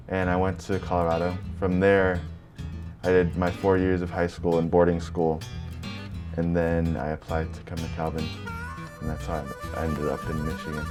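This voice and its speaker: A young man from Hong Kong, a college student, talking casually with lots of fillers for a documentary about his fishing. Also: sits low. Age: young adult. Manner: relaxed, filler-heavy casual talk. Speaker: college student fly fisher. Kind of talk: documentary interview and on-location talk. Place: outdoors by a river. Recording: background guitar music. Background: guitar music.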